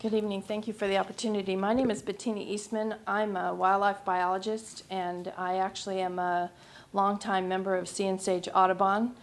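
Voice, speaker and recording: Woman biologist at a council podium, even, flat delivery, polite and measured. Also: mid-range voice, a little hiss or hum. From United States. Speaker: wildlife biologist giving public comment. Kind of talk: prepared public comment.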